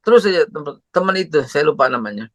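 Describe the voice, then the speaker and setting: A man's voice: fairly high pitch, expressive, fast talker, dry recording. A man who preaches a parenting talk and tells stories animatedly, acting out voices. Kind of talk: religious parenting talk with storytelling.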